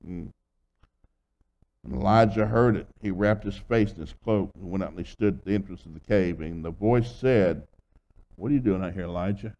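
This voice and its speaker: A man in his sixties preaching as a guest minister, telling homespun stories with acted-out dialogue and swinging between loud and hushed delivery. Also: low-pitched, normal speed, highs cut off. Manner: folksy storytelling with acted dialogue. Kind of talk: sermon.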